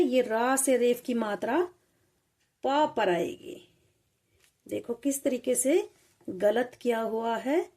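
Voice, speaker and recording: Slow, patient woman teaching children. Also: a little high, darkish tone. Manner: patient, repeats and spells out sounds slowly. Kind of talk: children's language lesson.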